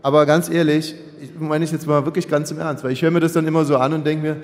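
Man in his fifties, podcast co-host, teasing banter, slightly high voice, long hall echo. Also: little pitch movement, fast. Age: 50s. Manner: joking, teasing, mimics voices for laughs.

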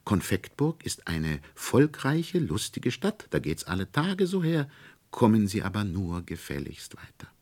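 A man's voice: lowish voice, sing-song, measured pace, a little mellow, pitched above the performer's own voice, exaggerated voice. A man voicing a small, polite nutcracker prince who speaks tenderly and a little plaintively in a storybook reading. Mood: gentle. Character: small courtly nutcracker prince, gentle and sighing.

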